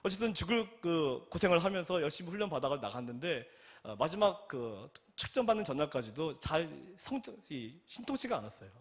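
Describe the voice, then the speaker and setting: Young male preacher, animated storyteller, lively pitch and fairly high voice, drops to hushed asides and climbs to loud emphatic peaks. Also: a little fast. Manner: animated storytelling with rhetorical questions. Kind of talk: sermon with personal story.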